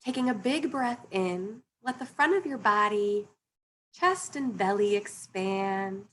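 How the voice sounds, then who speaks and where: Slow, soothing woman guiding breathing meditation. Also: mid-range voice, slight background noise, rough recording. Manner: soothing, gently instructing. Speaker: meditation coach and panel guest.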